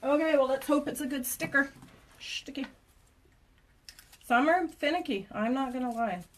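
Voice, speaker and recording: A woman's voice: sits high, moderate pace, a little hiss or hum. A woman nail technician chatting casually while she works on a client's nails in a salon. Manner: relaxed, chatty, laughs often, mutters while working. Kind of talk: casual chat during live demo.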